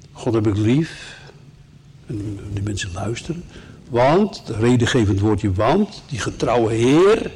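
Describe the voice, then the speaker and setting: A man's voice: medium pitch, a little mellow, a little hiss or hum. A man preaching a sermon to his congregation in an earnest, emphatic way, with asides to the listeners.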